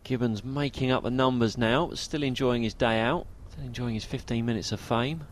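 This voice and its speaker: A man's voice: mid-range voice, steady tone, brisk. A man giving golf commentary, analysing each shot of a tournament.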